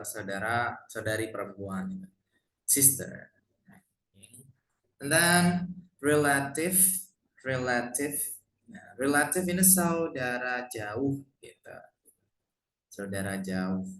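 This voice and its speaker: A man with an Indonesian accent teaching English family words in a relaxed online lesson, repeating each word and then translating it. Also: medium pitch, takes it slowly, pauses often. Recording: echoey room, faint noise.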